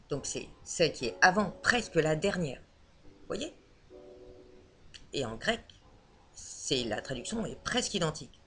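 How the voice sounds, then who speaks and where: Patient woman teaching a lesson. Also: sits low. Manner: patient, explanatory, frequent hesitations. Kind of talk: spoken lesson on Old French.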